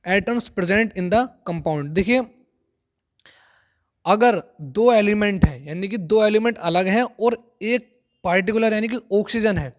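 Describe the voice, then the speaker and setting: A man teaching a chemistry lesson, explaining step by step, repeating key terms and reading English textbook lines slowly. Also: sits high. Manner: addresses viewers as friends. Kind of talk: classroom lecture.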